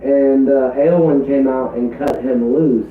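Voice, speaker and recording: A man's voice: mid-range voice, fairly even intonation, a little slow, slight background noise. A man who runs the game, casually chatting and teasing his players. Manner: teasing, prompting. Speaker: game master. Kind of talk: casual chat. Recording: distant echoey tinny lo-fi audio.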